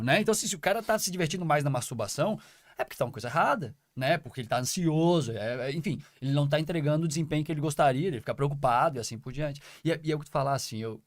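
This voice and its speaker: A man's voice: a little high, no echo, clean studio sound. A man speaking as a guest in a casual podcast conversation, earnest and repeating words for emphasis. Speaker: podcast guest, business partner.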